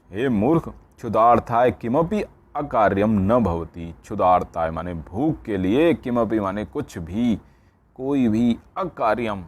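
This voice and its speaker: Low-voiced man teaching Sanskrit grammar. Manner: repeats words and checks in with "ठीक है". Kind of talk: explaining a textbook lesson line by line.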